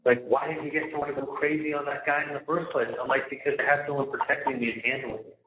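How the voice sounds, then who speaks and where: A man's voice: mid-range voice, steady tone, quick pace, narrow, tinny audio. Inmate calling from a prison phone: agitated, repetitive man on a thin, roomy line. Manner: agitated, indignant, repetitive, swearing. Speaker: inmate calling his mother. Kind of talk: phone conversation. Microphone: prison phone handset.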